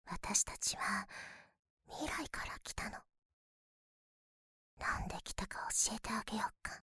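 A young woman voicing a mischievous invisible girl from the future, teasing in a breathy whisper close to the ear. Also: medium pitch, unhurried, pushed and bright, no room sound, heavily acted. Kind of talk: ASMR whispering roleplay.

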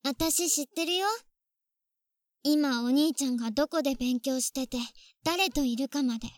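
A woman's voice: high voice, normal speed, dry recording, studio quality, lightly acted. A woman playing a clingy yandere little sister. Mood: menacing. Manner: sweet then coldly jealous. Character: clingy possessive younger sister turning yandere. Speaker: voice actress in phone-call role-play. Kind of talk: phone-call role-play drama.

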